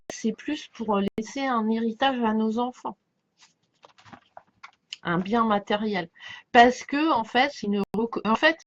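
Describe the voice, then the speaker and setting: A woman with a slight lisp chatting casually as a tarot reader, halting and circling back, often leaving thoughts unfinished. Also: medium pitch. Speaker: tarot card reader giving a reading to followers. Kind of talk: casual rambling chat over a tarot spread. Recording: dull lo-fi sound.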